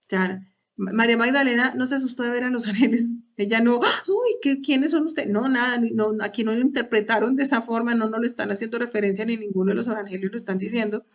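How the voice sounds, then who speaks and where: A woman leads a Bible study talk for a group of women, in a voice pitched a little above the usual. She often stumbles and repeats words as she goes. She keeps checking in with short rhetorical questions. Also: fairly even intonation, fast.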